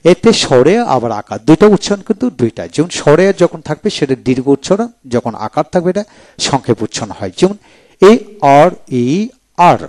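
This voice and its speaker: A man's voice: on the high side, sing-song, darkish tone, no echo. Man teaching pronunciation, dry close sound. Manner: spells out words letter by letter, then repeats each slowly. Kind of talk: video lecture.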